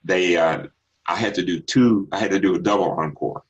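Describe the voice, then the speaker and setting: A bass baritone singer in middle age, from Texas, responds to an interviewer at a relaxed, thoughtful pace, frequently saying um and rephrasing mid-thought. He is the guest, and the sound is dull.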